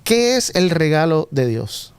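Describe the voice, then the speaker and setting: A man's voice: fairly high pitch, very animated, measured pace, smooth, dry recording. A man leading a casual Bible study discussion in a church group, asking others to look up verses. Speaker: Sabbath School discussion leader. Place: church room.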